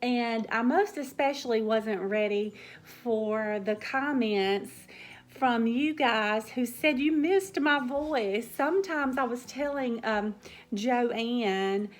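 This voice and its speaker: Slow-talking Southern woman with a drawl. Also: fairly high pitch. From Southern United States. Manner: gentle, slow, warm storytelling drawl. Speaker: cooking channel host. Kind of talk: casual chat to viewers.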